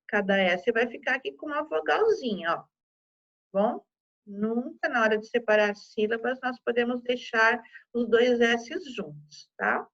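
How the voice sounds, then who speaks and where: Brazilian woman, primary teacher, patient and slow syllable drills, somewhat high voice, lo-fi audio. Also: a bit bright. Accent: Brazilian Portuguese. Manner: slow, exaggerated syllable-by-syllable pronunciation with frequent "tá?". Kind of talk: primary school lesson video. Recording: slightly dull lo-fi recording.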